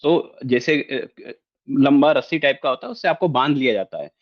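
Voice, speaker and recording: A man's voice: mid-range voice, moderate pace. Man teaching in a muffled, lo-fi recording. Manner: explanatory, mixes Hindi with English, frequent check-ins. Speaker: astrology teacher. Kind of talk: online lesson with screen share. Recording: slightly muffled lo-fi audio.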